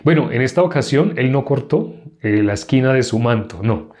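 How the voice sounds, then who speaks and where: A man reads a Bible passage at a measured pace, then breaks into lively commentary. He asks his listeners rhetorical questions in a plain, mid-range voice. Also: mid-range voice. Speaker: Bible teacher. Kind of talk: scripture reading with commentary.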